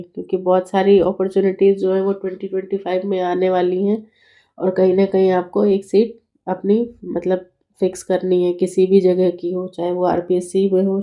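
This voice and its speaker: A woman teaching an exam-prep lesson, hoarse from a cold and sore throat, talking in a chatty, reassuring way and mixing English terms into her explanations. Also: mid-range voice, highs cut off.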